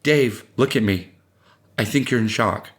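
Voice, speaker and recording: A man's voice: mid-range voice, unhurried, fairly bright tone, lightly acted. A man voicing a frightened young wife and mother, anxious and pleading, in an audiobook reading. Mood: worried coaxing.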